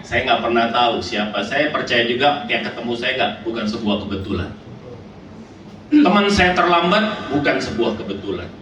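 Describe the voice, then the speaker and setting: A man preaching a sermon, telling stories with big swings in pitch and calling out for amens from the congregation. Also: lively intonation, normal speed, fairly bright tone. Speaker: pastor. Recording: echoey hall from far off, noisy.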